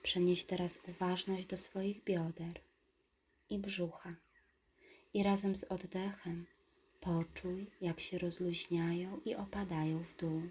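Whispering softly in a lowish voice, a female meditation guide delivers slow, calm, soothing instructions at a very unhurried pace over a faint background hiss.

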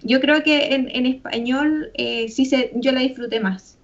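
A woman's voice: sits high, a little slow. Chilean woman on dull lo-fi audio. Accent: Chilean Spanish. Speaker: podcast co-host. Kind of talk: casual film review chat.

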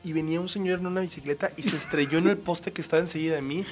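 A man's voice: on the high side, very fast, faint music behind. A man co-hosting a casual podcast, telling jokey, profane stories. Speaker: podcast co-host. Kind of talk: casual chat.

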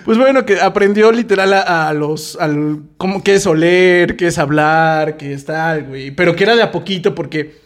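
A man's voice: fairly high pitch, moderate pace, hardly any pauses. A Mexican man retelling a story in casual, slangy, profane chat. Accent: Mexican Spanish. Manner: slangy, profane, laughs often.

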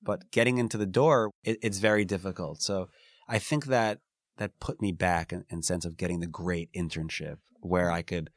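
An American lawyer talks earnestly about his career in a reflective, casual interview, frequently restarting his words and adding "you know" asides. His voice is low and his pace moderate, captured in clean studio sound with no room echo.

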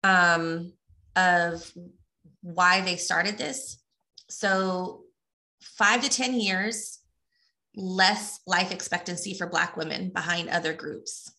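Casting: middle-aged woman, bright clear voice, chatty and plain-spoken co-host. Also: lowish voice, takes it slowly. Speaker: podcast co-host. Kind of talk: casual chat, reading aloud.

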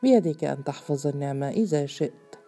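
A woman's voice: low voice, lively intonation, fast talker, dark tone, faint music behind. A woman reading the lines of a cold, domineering man who mocks and commands in a curt, hard tone.

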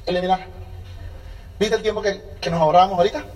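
A man speaking at a business seminar in an energetic, motivational way, acting out little dialogues as he goes. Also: high-pitched, fast, recorded from a distance. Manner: energetic, acts out dialogues with changing voices.

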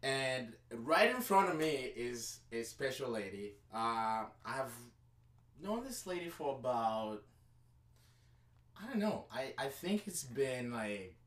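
A man's voice: medium pitch, sing-song, slow, a bit bright. A man hosting a podcast, talking in a casual, upbeat and rambling way, full of fillers and restarts. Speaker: podcast host. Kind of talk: casual interview chat. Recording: roomy, distant mic.

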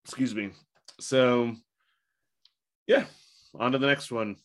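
A man's voice: mid-range voice, fairly even intonation, slow, fairly bright tone. A man hosting a podcast in a loose, rambling casual chat, with a bad case of the hiccups. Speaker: podcast host.

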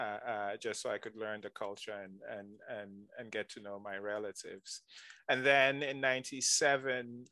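A man's voice: on the low side, fairly bright tone, no room sound. Guest voice: man from ghana, 40s, chatty venture investor, dry close mic. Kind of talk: conversational interview.

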